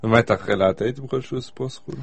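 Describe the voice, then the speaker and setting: A man in a casual chat, explaining things in a slightly halting way. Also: medium pitch, gravelly, breathy edge, dry recording. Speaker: university student.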